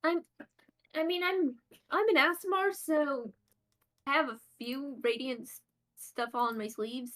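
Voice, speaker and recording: A woman with a fairly high voice talks through her character's abilities in a tabletop game. She stumbles and restarts often. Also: a little slow, long pauses, fairly bright tone, rough recording. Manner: hesitant, many restarts. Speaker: player. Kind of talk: tabletop role-play chat.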